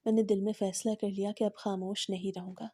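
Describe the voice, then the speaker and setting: A woman narrating a scripted first-person moral story in a measured, steady way. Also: medium pitch, slightly rough, dry recording, clean studio sound.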